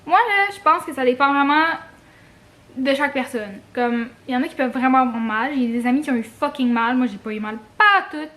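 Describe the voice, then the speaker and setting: A young vlogger with a Quebec French accent tells a personal story to camera in a casual, expressive way, using slang, swearing and dropping in English words. Her voice is high and fairly quick.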